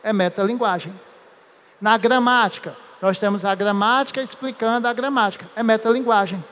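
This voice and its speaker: A man from Brazil, a teacher giving a lively, joking classroom lecture with drawn-out emphasis. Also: sits high. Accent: Brazilian Portuguese. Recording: echoey hall.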